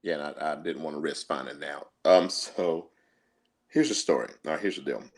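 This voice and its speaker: A man co-hosting a casual show from home, telling things in a halting, conversational way. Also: extremely low pitch. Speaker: podcast co-host. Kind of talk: casual chat, recounting events. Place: indoors at home, remote call.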